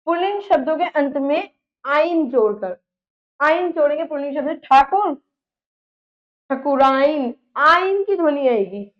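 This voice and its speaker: A woman's voice: high voice, dull audio. A woman teaching a grammar lesson, patiently reading out word pairs and checking that her students follow.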